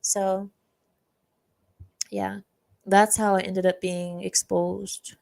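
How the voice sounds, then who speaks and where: Her mid-range voice is gravelly and a little mellow, with a flat delivery and drawn-out words. The young woman is hosting a livestream and chattily telling a personal story, laughing a lot, reading chat comments aloud and acting out quoted classmates.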